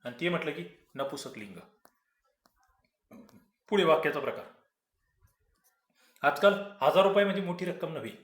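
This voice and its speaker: A man's voice: on the high side, expressive, normal speed, pauses often, roomy sound. A man, teaching grammar and explaining quiz answers, asking the class rhetorical questions. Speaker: exam-prep grammar teacher.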